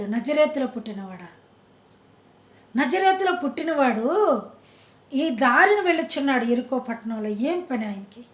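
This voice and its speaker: A woman preacher delivering a storytelling sermon, acting out the voices of the people in the tale. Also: high-pitched. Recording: roomy, muffled lo-fi sound.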